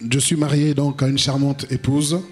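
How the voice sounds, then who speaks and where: A man in his forties from the Republic of the Congo, preaching in a church hall on a handheld mic and pausing in short phrases for his interpreter. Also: mid-range voice, flat delivery, slightly rough. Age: 40s. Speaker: apostle, guest preacher. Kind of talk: sermon with interpreter.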